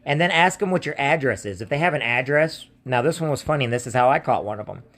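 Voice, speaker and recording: An American man with a mid-range, somewhat bright voice talks quickly and expressively. He plays an identity theft protection seller in a scam-warning video, insistent and plain-spoken, repeating himself as he casually warns viewers and callers on the phone.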